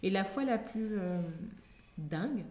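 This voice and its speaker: A woman with a French accent, a guest telling lively stories in a casual interview, acting out voices and laughing often. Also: mid-range voice, slow pace. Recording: echoey room with faint background ambience.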